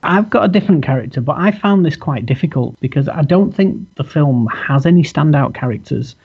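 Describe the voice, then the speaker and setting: A man on a casual film club podcast who weighs his opinions carefully and speaks in a husky voice. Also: a little high, lively intonation, brisk, muffled recording. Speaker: podcast co-host.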